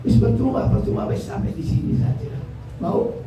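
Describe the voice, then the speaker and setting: Speaking at a moderate pace against a noisy background, a man in his seventies with a Javanese Indonesian accent delivers an interactive sermon as a pastor. He presses his points repetitively and quizzes his congregation, his voice distant from the mic in a very echoey hall.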